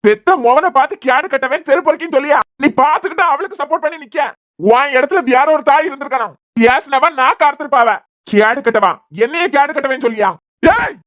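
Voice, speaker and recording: A woman's voice: high voice, quick pace, dry recording. A woman with a Kanyakumari Tamil accent voicing a hot-headed, threatening young male college student in a cartoon series. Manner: threatening, shouting insults. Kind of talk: cartoon web series voice acting.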